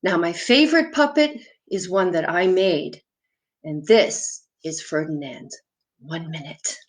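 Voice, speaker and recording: With a fairly low voice and a measured pace, a woman who performs as a children's storyteller and in theatre introduces props and puppets to young viewers in easy terms, asking them questions along the way.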